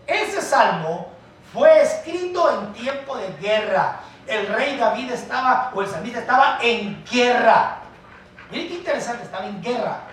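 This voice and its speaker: A man preaching a sermon as pastor, calling the congregation brothers, swinging from soft asides to loud emphasis. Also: extremely high pitch, lively intonation, measured pace. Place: church hall. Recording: echoey church hall, mic far off.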